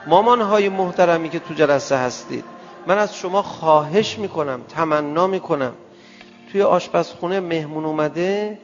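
A male preacher giving an emphatic sermon to a gathering, firing rhetorical questions at the audience and swinging between loud outbursts and soft asides. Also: a little high. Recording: dull lo-fi sound with long hall reverb and faint music.

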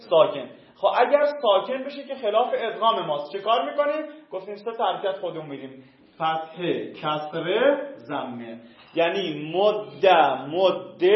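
A male teacher explaining a lesson step by step, asking questions and answering them himself, and slowly chanting word forms. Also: sits high. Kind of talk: classroom lesson. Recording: echoey room, dull lo-fi sound.

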